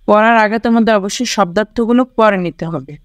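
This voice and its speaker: Bangladeshi tutor, mid-pitched, dry close recording, reads the lesson steadily and repeats words slowly. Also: no echo. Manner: starts sentences with English "so", spells out pronunciations slowly and repeats words. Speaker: online tutor for school students. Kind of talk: reading a textbook lesson aloud.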